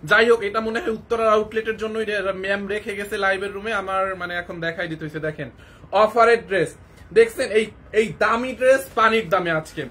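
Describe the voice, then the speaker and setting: A young man from Barisal with a cold, hosting a live clothing sale in an excited, rapid hard-sell patter. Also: high voice. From Barisal, Bangladesh. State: has a cold. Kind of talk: live shopping sales pitch.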